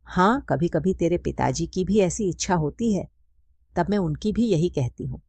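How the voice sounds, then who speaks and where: A woman voicing an affectionate, teasing middle-aged mother in a storybook reading, speaking in a soft, coaxing way. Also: lowish voice, expressive, moderate pace, breathy edge, dry recording. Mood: indulgent. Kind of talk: scripted story narration.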